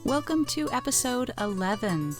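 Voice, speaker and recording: A woman's voice: fairly high pitch, big pitch swings, moderate pace, over music. A woman in her forties hosting a casual, rambling podcast chat, recorded inside a small closet at home. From United States. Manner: chatty and rambling. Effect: recorded inside a closet, dead and close. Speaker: podcast host.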